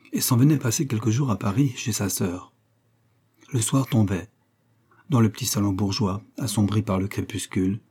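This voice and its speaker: Man reading a classic story aloud, warm dark husky voice, measured. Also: fairly low pitch. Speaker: narrator. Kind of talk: audiobook narration of a classic story.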